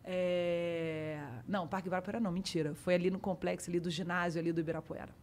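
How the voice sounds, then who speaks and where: A middle-aged woman, a podcast guest telling a story in casual chat, lively and acting out her own past dialogue. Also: on the low side, fast, a little hiss or hum.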